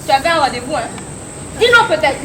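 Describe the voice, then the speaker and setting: A woman's voice: high-pitched, animated, fast talker, noisy background. A teenage girl acting a fussy, scolding old nurse who fusses over her charge in a school stage play. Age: teens. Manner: scolding, lamenting. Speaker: student actor. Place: theatre hall. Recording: echoey hall, insects behind.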